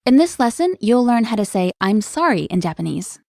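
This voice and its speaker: A woman's voice: a little high, very animated, brisk, gravelly, a little mellow, dry recording, clean studio sound. A woman hosting a language lesson podcast, explaining words in an upbeat, scripted way.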